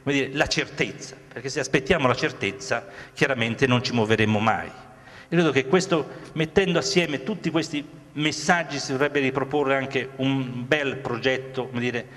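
A man's voice: mid-range voice, moderate pace, a bit bright. A man in his sixties, a native Italian speaker, giving an earnest, reflective off-the-cuff public speech into a handheld microphone. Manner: earnest, reflective, repeats filler phrases. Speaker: guest speaker. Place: large glass-walled hall, indoors. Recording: echoey hall over a PA.

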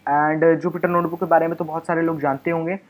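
A man's voice: on the high side, little pitch movement, brisk. A young man with an Indian accent giving a casual, chatty coding tutorial, with many fillers and restarts. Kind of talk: casual screen-recorded tech tutorial.

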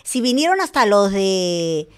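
A woman's voice: mid-range voice, big pitch swings, measured pace, clean tone. A woman, telling stories as a podcast guest, full of "o sea" and tag questions. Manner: chatty storyteller, lots of "o sea" and "¿no?". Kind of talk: casual interview chat.

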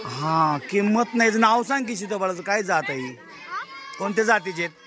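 A man with a Marathi accent walks through an outdoor school fair and gives a cheerful running commentary, exclaiming as he goes and asking children their names. A crowd chatters all around him, and loud outdoor noise sits under his voice. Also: sits high, lively intonation, brisk. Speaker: reporter touring a school market. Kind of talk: casual walkaround vlog commentary.

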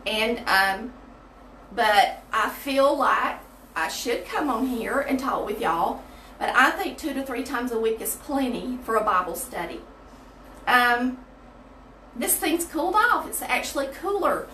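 A woman's voice: on the high side, lively intonation, a little slow, bright, forceful tone. A woman with a Southern US accent leading an informal online Bible study in a conversational way, often checking in with "okay?", recorded in a bathroom. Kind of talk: casual Bible teaching chat on a livestream. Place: echoey bathroom at home. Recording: echoey small room, distant mic, faint noise.

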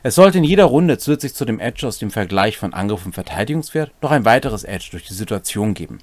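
Very animated and fast, this man's darkish, lowish voice comes through with no room sound. In his forties, he's indoors in a small, cluttered home room, instructively explaining game rules to camera, talking to viewers directly and partly reading a script.

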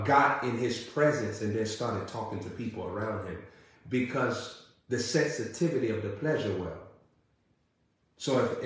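Preaching man in a very echoey room. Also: a bit bright. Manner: rising to emphatic repeated questions, then dropping low. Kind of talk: sermon.

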